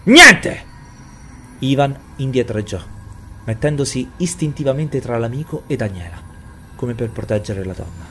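A man narrating a horror story in a dramatic, expressive way. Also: mid-range voice, normal speed. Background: faint music.

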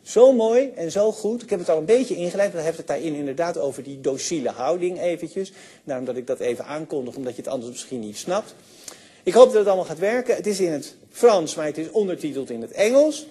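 Husky-voiced older man lecturing on sociology. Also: a little high, lively intonation, quick pace, mellow. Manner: enthusiastic, with frequent fillers and restarts. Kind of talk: university lecture.

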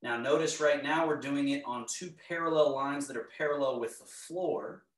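A middle-aged man teaching tai chi, giving calm, serene, step-by-step movement cues in a measured way. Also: on the high side. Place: indoor home living area. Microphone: camera across the room. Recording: echoey room, distant microphone.

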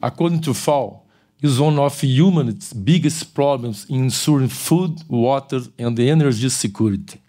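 A man's voice: medium pitch, mellow. An older man giving a keynote lecture in a large auditorium at a podium mic, often restarting and correcting himself. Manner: halting, with frequent restarts and self-corrections. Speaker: keynote speaker. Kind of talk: conference lecture. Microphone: podium microphone.

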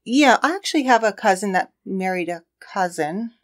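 A woman co-hosts a casual true crime podcast and tells the case story. She talks in a relaxed, chatty way and laughs often. Her voice sits at an ordinary middle pitch. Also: normal speed.

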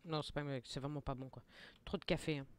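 A woman hosting her gaming channel, giving excitable play-by-play commentary, taunting enemies and muttering to herself, jittery from too much coffee. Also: deep voice, fast talker, background noise. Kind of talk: live gameplay commentary.

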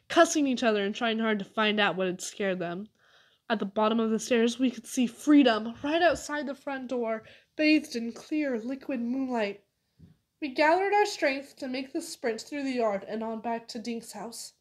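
A woman narrating a storybook aloud in a lively, expressive reading. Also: a little high. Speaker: audiobook reader.

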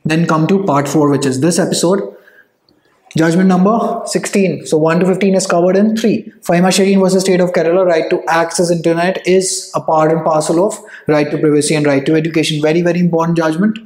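A man's voice: fairly high pitch, fairly even intonation, brisk, darkish tone. A man in his thirties with a North Indian accent, lecturing emphatically at a whiteboard as an exam coach and tossing out rhetorical questions. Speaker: law exam coaching teacher. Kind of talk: whiteboard lecture mixing English and Hindi. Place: indoor room at a whiteboard. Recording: echoey room.

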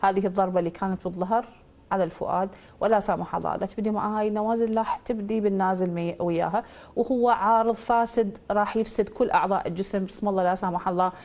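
An Iraqi woman hosts a call-in astrology show at a breakneck clip. Her pitch sits in an ordinary middle range. She fires off probing questions, then delivers her readings with firm certainty. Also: steady tone, racing, darkish tone. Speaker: astrologer host.

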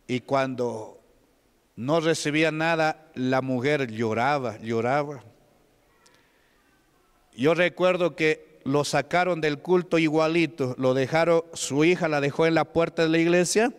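A man's voice: fairly high pitch, smooth. Peruvian preacher man in a reverberant church. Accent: Peruvian Spanish. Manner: storytelling with questions to the congregation. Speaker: deacon preacher. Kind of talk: sermon testimony. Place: church hall. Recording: long hall reverb.

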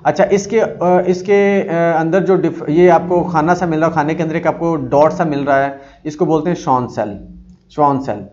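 A man's voice: on the high side, moderate pace, darkish tone. A man teaching psychology, explaining a diagram step by step, repeating key terms, often checking "ठीक है?", and mixing read-out English definitions with his own explanation. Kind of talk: explaining a diagram in a recorded lecture. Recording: dull lo-fi lecture recording.

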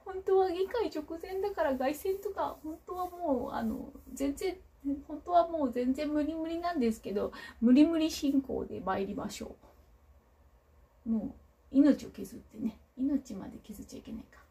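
Reading out comments from viewers during a relaxed livestream, a local politician with a Kagoshima accent keeps things chatty and self-deprecating, laughing between remarks. She has a high, warm voice and talks at normal speed.

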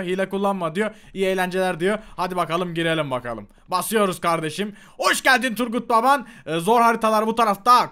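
Young guy narrating a parkour game, high voice, hypes himself up then mutters. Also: smooth. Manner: excitable, shouts and cheers himself on; mutters and grumbles when failing. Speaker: gaming YouTuber. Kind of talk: Minecraft parkour commentary.

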